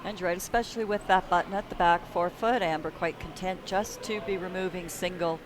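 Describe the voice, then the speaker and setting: A woman giving explanatory live curling analysis in measured phrases. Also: lowish voice, steady tone. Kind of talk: live sports commentary. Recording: noisy sports arena broadcast.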